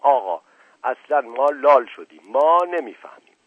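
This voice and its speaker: A man's voice: medium pitch, husky, no echo, pitched above the performer's own voice, lightly acted. A man reading aloud, voicing an older male servant who is humble and timid yet stubbornly keeps correcting his master. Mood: insistent. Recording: dry, narrow phone-like sound.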